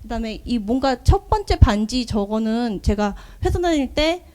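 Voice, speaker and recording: Woman in her thirties, higher voice, earnest, soft-spoken, storytelling, business showcase talk. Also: animated, normal speed. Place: event hall.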